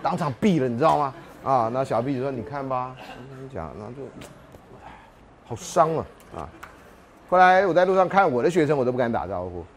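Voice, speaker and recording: A man's voice: mid-range voice, expressive, a little fast. A man lecturing a university class, telling jokes and anecdotes and often laughing mid-sentence.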